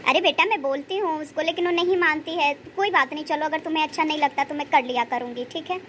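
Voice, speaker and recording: A woman's voice: sits high, fast talker, a bit bright, a little hiss or hum. Woman voicing a doting mother-in-law. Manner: sentimental, prays aloud and praises. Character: emotional older Indian mother-in-law, pious and doting. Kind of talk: cartoon storytelling dialogue.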